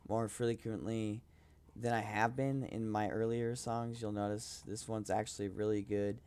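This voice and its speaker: A man's voice: fairly low pitch, little pitch movement, normal speed, a little mellow, slight background noise. A young man rambling casually about his music on his own podcast, hesitant and self-promoting. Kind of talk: casual solo podcast talk.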